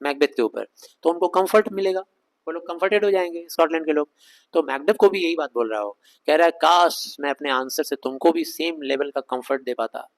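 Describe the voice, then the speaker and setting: A man teaching a Shakespeare scene line by line, reading the English slowly in an Indian accent and explaining it in conversational Hindi with rhetorical questions. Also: on the high side, poor audio. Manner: reads English lines slowly, explains them fast in Hindi.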